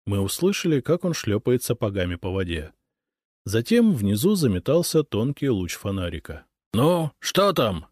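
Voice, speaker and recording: A man narrating a first-person audiobook with expressive delivery. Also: lowish voice, normal speed, dry recording, clean studio sound.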